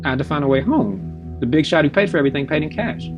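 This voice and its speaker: An actor playing a shiftless, rough-talking man, in a live staged reading. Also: on the high side, lively intonation, fast, lo-fi sound, music in the background, lightly acted. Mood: sheepish. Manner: rambling, hesitant, folksy grammar.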